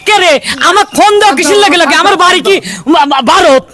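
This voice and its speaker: A man, playing a hot-tempered husband who shouts and quarrels. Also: very high-pitched, animated, fast, no room sound, exaggerated voice. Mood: angry. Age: 30s. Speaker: angry husband in a staged news drama.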